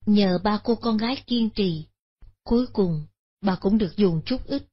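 A woman narrating a Buddhist moral story in a steady, solemn manner. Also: mid-range voice, measured pace, slightly rough. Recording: dull lo-fi recording.

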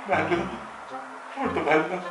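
A man's voice: sits high, slow. A young man casually delivering one-line jokes, amused and trying not to laugh. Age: young adult. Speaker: contestant in a joke challenge. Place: home kitchen, indoors at a table. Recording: echoey room, distant mic, music behind.

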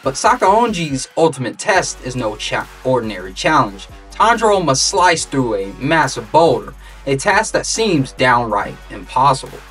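A man's voice: medium pitch, very animated, normal speed, hardly any pauses, a bit bright, distant mic. A man narrating an anime recap from a script in a dramatic, ominous manner, like a movie trailer voiceover. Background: music.

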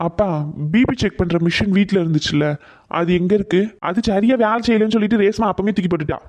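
A man's voice: high voice, fast, a little mellow, natural voice. A man voicing a caring young grandson who talks in an earnest, firm and coaxing way in a cartoon. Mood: concerned. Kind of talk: cartoon voice acting.

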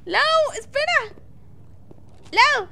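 A woman streaming a game, chatting casually in a bubbly, animated way and often laughing or yelling. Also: very high voice, drawn-out words, creaky. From Mexico. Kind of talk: casual let's-play chat.

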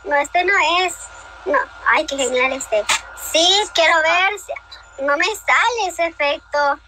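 A woman chatting on a livestream through a high-pitched chipmunk voice filter, giggly and playfully flirty. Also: takes it slowly, noisy background. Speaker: livestream host. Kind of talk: casual livestream chat.

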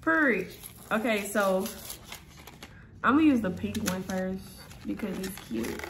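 At home, a young woman with a stuffy, nasal voice does her makeup for a casual tutorial vlog, rambling bluntly, chattily and with plenty of profanity. Her mid-range voice has lively intonation and an unhurried pace, and the background is noisy.

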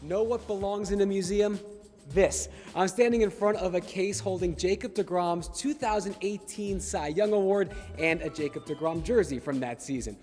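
Upbeat high-voiced young male ballpark host. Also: moderate pace, soft background music. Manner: energetic, promotional, punchy delivery. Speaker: pregame show host. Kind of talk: upbeat scripted pregame show hosting. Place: ballpark concourse and museum.

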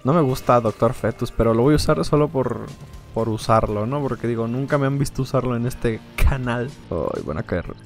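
A man's voice: mid-range voice, normal speed, faint music behind. A man giving playful, rambling let's play commentary, joking and laughing often. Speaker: gaming video creator.

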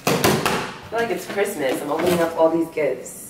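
In a bare, echoing room she's just moving into, a young woman vlogger unboxes gifts and chats casually, bubbly and slangy with lots of "like" thrown in. Her voice is deep and her pace moderate, and she's sometimes out of breath. Heavy background noise surrounds her, and the camera mic picks her up from a distance.

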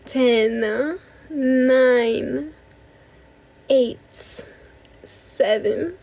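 A woman's voice: sits high, drawn-out words, creaky, warm tone. A young woman from Brazil in her late teens, hosting a casual livestream from a bedroom into a phone held at arm's length, chatting with viewers and thanking them often. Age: young adult. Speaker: livestream host.

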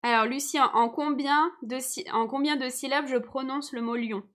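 A woman's voice: high voice, fairly even intonation, normal speed, fairly bright tone. A young woman teacher giving a live online lesson, explaining patiently and often checking that her viewers follow.

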